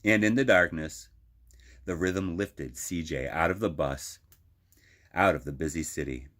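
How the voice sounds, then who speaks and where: A man's voice: sits low, measured pace, fairly bright tone. A man reading a children's picture book aloud as a librarian would, expressively, drawing out phrases for emphasis.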